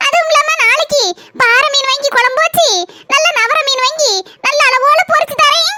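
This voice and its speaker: A woman's voice: very high voice, fairly even intonation, normal speed, sharp tone, no room sound, exaggerated voice. A woman voicing a chatty, meddling sister-in-law in a comic cartoon, with a Kanyakumari Tamil accent and a fussy, chattering manner. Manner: fussy, chattering, nosy advice.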